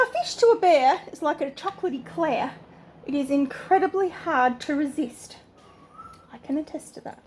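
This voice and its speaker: A sweet older woman, a doting grandmother with a high-sitting voice, reads a children's storybook aloud for her grandchildren. She reads in an animated, expressive way and drops in chatty asides.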